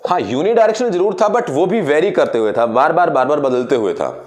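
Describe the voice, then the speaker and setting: Man teaching physics in a higher voice. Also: animated, a little fast. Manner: explains by asking and answering his own questions, repeating key words; addresses students directly, mixing in English phrases. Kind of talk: classroom physics lecture.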